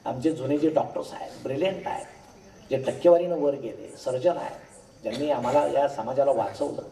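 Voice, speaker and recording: A man's voice: medium pitch, fairly quick, warm tone. A man with a Marathi accent giving a humorous public lecture, telling jokes and acting out the dialogue in his stories. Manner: joking storyteller, acts out dialogue. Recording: echoey hall, distant mic, crowd.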